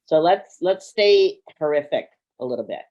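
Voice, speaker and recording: A woman coaching someone through a guided exercise, calm and deliberate, repeating key phrases. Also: low-pitched, lo-fi sound. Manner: calm, slow and repetitive, drawing out key phrases.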